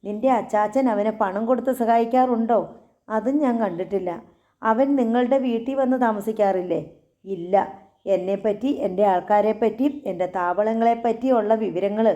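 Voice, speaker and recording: A woman voicing a menacing older male boss who questions a frightened girl with measured threats. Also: medium pitch, mellow, dull audio, natural voice.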